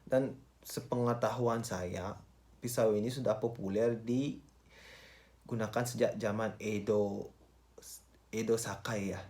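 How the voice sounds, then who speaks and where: A man talks in a fairly low voice, in the loose style of a vlogger. He switches between two languages as he presents, pausing and repeating words in an informal, chatty way. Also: fairly even intonation, a little mellow. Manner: informal, halting, repeats phrases and address tags. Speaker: vlogger and cook.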